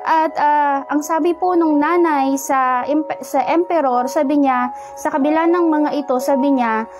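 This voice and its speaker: A woman preaching a sermon with a Filipino accent, telling stories in a polite, unhurried way and filling pauses with "ano po". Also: high voice, steady tone, over music. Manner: polite, unhurried storytelling with frequent "ano po" fillers.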